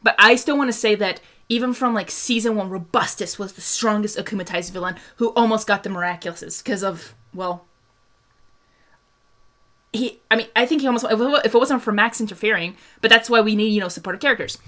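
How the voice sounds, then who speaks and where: In a brisk, fairly bright mid-range voice, a young woman from Hungary fields viewer questions during a casual fan discussion. The talk is loose, with frequent laughs, fillers and restarts.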